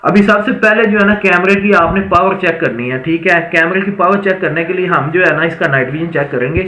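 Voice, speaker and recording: A man's voice: high-pitched, bright, forceful tone. A man teaching a hands-on CCTV camera repair, explaining step by step and checking in with "theek hai" after each point. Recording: echoey lo-fi room recording with faint noise.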